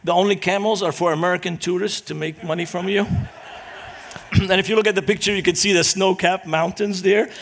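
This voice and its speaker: A man's voice: high voice, steady tone, a little fast. A middle-aged man from Lebanon, speaking as guest speaker to a church, earnest and humorous with stories. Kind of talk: church talk to a congregation.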